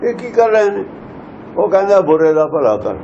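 A man with a somewhat high voice explains scripture verses, stressing points and firing rhetorical questions at his listeners. The recording is dull and lo-fi, with a faint hiss underneath. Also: very animated, normal speed, mellow. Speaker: scripture teacher.

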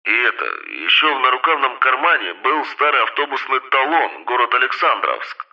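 A man's voice: mid-range voice, expressive, moderate pace, pitched above the performer's own voice. A man reading an audiobook voices terse male soldiers speaking over a walkie-talkie radio. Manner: terse clipped radio talk. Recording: distant muffled radio sound.

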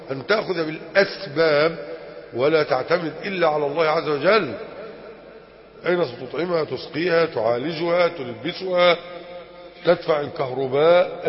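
A man with an Egyptian accent gives a religious lesson in a fairly high voice. He is animated and keeps firing rhetorical questions at the room. The recording is dull and lo-fi, with a long hall reverb. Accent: Egyptian Arabic. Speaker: sheikh teaching a religious lesson.

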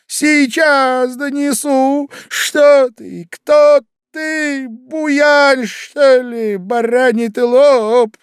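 Rowdy drunken clerk, high and wheedling, read by a male narrator; dry studio. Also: animated, slow, a little mellow, no room sound. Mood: jeering. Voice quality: shrill, wheedling, jeering.

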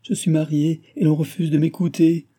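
A man's voice: mid-range voice, moderate pace, warm tone, slightly rough, close to an everyday voice. A man reading the part of a distraught young woman who pleads in frantic outcries, in an audiobook.

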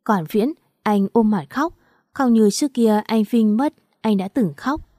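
A woman reads a first-person story aloud in a steady, even way. Her voice sits a little high and sounds mellow and soft-edged. The recording is dry and close. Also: measured pace, no echo. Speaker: audiobook narrator.

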